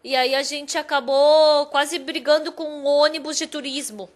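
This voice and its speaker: A woman preaching a sermon as a personal story, going from hushed to emphatic. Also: high-pitched, normal speed. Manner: animated storytelling, loudness swinging from hushed to emphatic.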